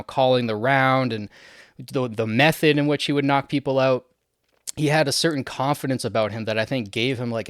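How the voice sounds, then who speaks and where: Chatty young man with a smooth voice. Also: medium pitch, fairly bright tone, dry recording, clean studio sound. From Canada. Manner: chatty, laughs often, many fillers. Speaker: MMA fight commentator. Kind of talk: casual fight breakdown.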